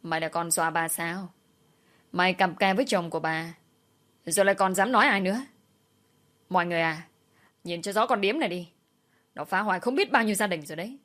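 A woman's voice: fairly bright tone, close to an everyday voice. A woman voicing a vicious older woman who hurls abuse, in a storybook reading. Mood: furious. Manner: shrill, fast, abusive.

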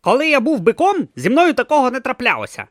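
A man's voice: very high voice, huge pitch swings, fast talker, no echo, clean studio sound, pitched above the performer's own voice, heavily acted. A man doing a snappish grumpy tortoise god. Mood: grumbling. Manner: snappish, loud, exasperated. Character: grumpy sarcastic god trapped as male tortoise. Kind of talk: audiobook character voice.

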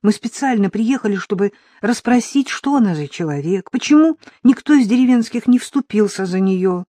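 A woman's voice: medium pitch, expressive, normal speed, dark tone, no room sound, pitched above the performer's own voice, lightly acted. A woman voicing an earnest, persistent young woman journalist in an audiobook.

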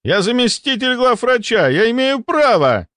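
A man voicing a shrill, bullying middle-aged male hospital deputy chief in an audiobook, with a hectoring, indignant manner. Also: big pitch swings, moderate pace, sharp tone, no room sound, studio quality, heavily acted. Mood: outraged. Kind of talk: audiobook character voice.

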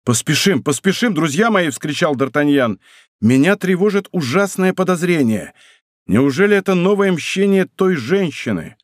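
An impetuous young guardsman , as a male reader voices him, speaks with earnest urgency in a lively voice. His pitch swings freely, and the recording is close and dry. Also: moderate pace, dry recording, close to an everyday voice. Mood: earnest urgent.

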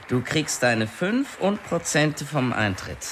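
An actor playing a club owner who turns out to be an obsessed killer, tense and guarded in a radio drama. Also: male voice, fairly high pitch, very animated, slow, a little hiss or hum, heavily acted. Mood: businesslike. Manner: tense, cracking into shouting.

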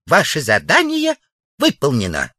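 A man voicing a timid, apologetic alien grasshopper in a children's audiobook, speaking in a high voice. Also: huge pitch swings, measured pace, bright, forceful tone, no echo, clean studio sound, exaggerated voice. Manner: apologetic, guilty.

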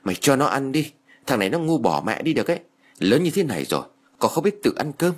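A man voicing a harsh old peasant grandmother who curses and yells at her family. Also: mid-range voice, very animated, quick pace, breathy edge, voice pushed up. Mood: contemptuous. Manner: harsh, cursing, yelling.

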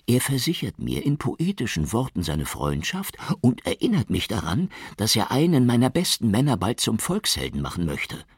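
A man voicing a hoarse, weary middle-aged police chief who broods and schemes in an audiobook. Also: mid-range voice, wildly swooping pitch, normal speed, few pauses, no echo, clean studio sound, pitched above the performer's own voice, full character voice. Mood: aggrieved. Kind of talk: audiobook character voice.

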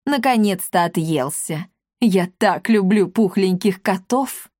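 Brief: bossy eccentric old woman, drawn-out exclaiming speech, voiced by a woman, dry sound. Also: medium pitch, lively intonation, a little mellow, dry recording. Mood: gleeful.

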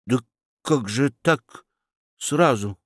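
A man's voice: mid-range voice, lively intonation, drawn-out words, dry recording, clean studio sound. A man voicing a plain-spoken, practical old aunt with a folksy, soothing manner. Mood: puzzled.

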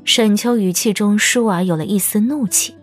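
A woman's voice: mid-range voice, normal speed. Woman audiobook narrator, scripted storytelling, light music in the background.

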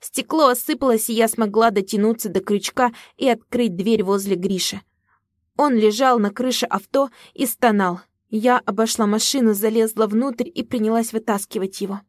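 A woman's voice: a little high, normal speed, no echo, clean studio sound. Woman narrating an emotional audiobook. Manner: emotional first-person storytelling.

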